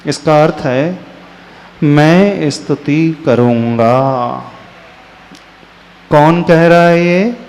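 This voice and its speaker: A man, a Jain monk, teaching a scripture class, who patiently corrects pronunciation and chants verses in a drawn-out tune. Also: a little high, a little mellow. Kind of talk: slow sermon-style class with chanted verses. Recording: hall reverb with faint ambient noise.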